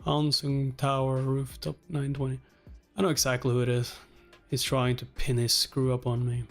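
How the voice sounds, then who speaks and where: Over soft background music, a man with a level tone and moderate pace reads through a webtoon for his reaction channel. He acts out every line of dialogue and caption, moving his pitch between characters.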